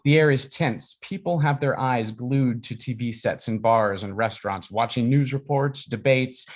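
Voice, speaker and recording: A man narrates a screenplay at a live reading. He delivers scene headings and action lines in a middle-pitched voice. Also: normal speed. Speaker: narrator reading stage directions.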